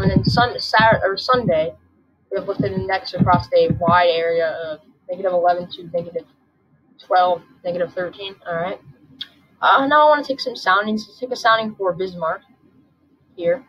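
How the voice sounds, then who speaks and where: A medium-pitched woman, just up and hoarse from a sore throat, hosts her channel's casual weather forecast while thinking aloud. There is slight background noise, and the dull lo-fi recording has soft music behind her.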